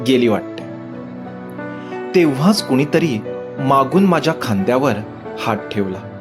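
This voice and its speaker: A male storyteller reading a first-person love story with dramatic expression. His delivery is slow and deliberate, in a mid-range voice, with faint music underneath. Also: mid-range voice. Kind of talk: scripted story narration.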